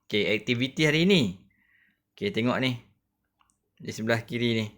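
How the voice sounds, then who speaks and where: A young adult man with a Malaysian Malay accent, a primary school teacher giving an online reading lesson, spelling words out slowly syllable by syllable and encouraging the pupils. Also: medium pitch, animated, a bit bright.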